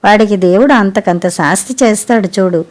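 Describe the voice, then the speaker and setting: A woman's voice: medium pitch, fairly quick, natural voice. Woman voicing a shrewish cursing mother. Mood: ranting. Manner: harsh scolding. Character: shrewish middle-aged mother, loud and cursing.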